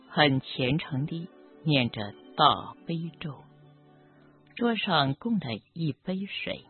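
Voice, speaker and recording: Slow, lively-pitched doctor narrating on a tinny line. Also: husky. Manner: gentle, measured, moved by the story. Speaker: doctor treating cancer patients. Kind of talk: slow reflective storytelling narration. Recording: tinny phone-like audio with faint background music.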